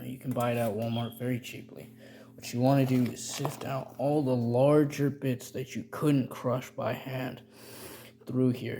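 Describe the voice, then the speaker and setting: A man's voice: mid-range voice, gravelly, a little mellow, lightly acted. A man doing a stammering chemist cook. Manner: rambling, stammering, self-correcting. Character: parody of a deadpan middle-aged male chemist cook. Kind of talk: comedic how-to tutorial.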